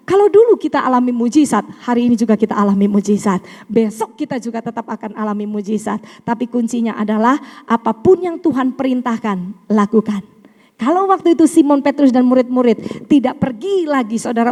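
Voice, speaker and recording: A middle-aged woman preaching a sermon, animated and often calling out to the congregation. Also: a little high, brisk. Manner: animated, addresses congregation as saudara. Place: church hall. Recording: long church reverb.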